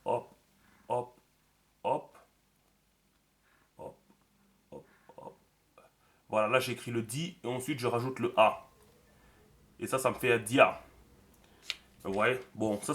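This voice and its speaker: A man explaining a writing system in a relaxed screen tutorial, thinking aloud with many fillers. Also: medium pitch, a little hiss or hum. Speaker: teacher.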